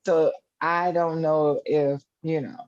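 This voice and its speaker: A woman on a recap panel, sassy and animated, with playful exclamations. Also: low voice, slow, highs cut off. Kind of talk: casual recap chat.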